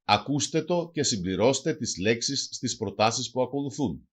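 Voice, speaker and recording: A man's voice: medium pitch, lively intonation, husky. A man with a Greek accent reading a language lesson aloud, saying phrases one by one and then translating each. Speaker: language teacher.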